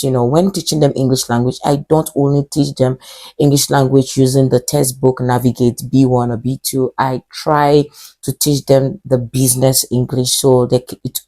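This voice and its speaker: A woman in her twenties with a Nigerian accent talks casually to the camera, rambling with fillers and correcting herself. She's a vlogger and English teacher, and her warm voice sits extremely low, with a level tone at normal speed.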